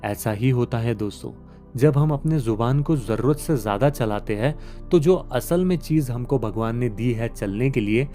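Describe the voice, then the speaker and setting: A man's voice: mid-range voice, warm tone. A man telling a devotional moral story in an earnest, moralizing manner.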